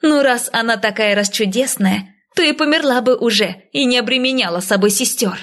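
A woman's voice: fairly high pitch, moderate pace, fairly bright tone, voice pushed up, lightly acted. A woman voicing a scornful, selfish young woman of twenty-two, sneering and petulant in a raised voice. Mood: spiteful. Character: scornful 22-year-old woman, selfish restless sister.

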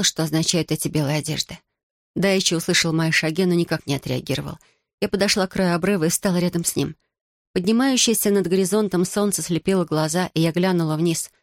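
A woman reads a first-person audiobook at a steady, measured pace. Her voice sits on the low side for a woman. It is recorded close and dry, with no room sound. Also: no room sound. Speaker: audiobook narrator.

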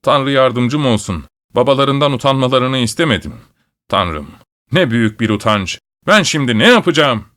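A man's voice: mid-range voice, lively intonation, moderate pace, fairly bright tone, lightly acted. A man voicing an ashamed, desperate middle-aged man who pleads in anguish.

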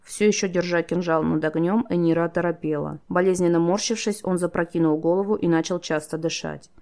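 Gravelly low-voiced woman narrator. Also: a little fast. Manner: steady storytelling, voices the characters. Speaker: audiobook narrator. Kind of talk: scripted narration.

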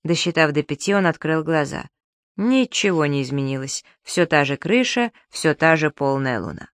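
Steady audiobook storyteller, dry sound. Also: medium pitch, moderate pace, dry recording. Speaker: narrator. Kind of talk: audiobook narration.

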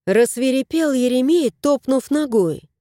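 Woman reading a story, lively lilt. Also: sits high, a little slow, no room sound, clean studio sound. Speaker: narrator.

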